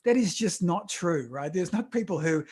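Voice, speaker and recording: A man's voice: high voice, animated, normal speed, darkish tone, slightly rough. A man hosting a podcast interview in casual chat, often restarting his words. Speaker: podcast host.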